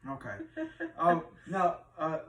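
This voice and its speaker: A middle-aged man hosting a relaxed chat, with a slightly high voice and frequent laughter. He talks loosely and uses plenty of fillers. He is heard from a distance in a roomy room. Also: takes it slowly. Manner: laughs often, chatty, lots of fillers. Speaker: host. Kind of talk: casual chat.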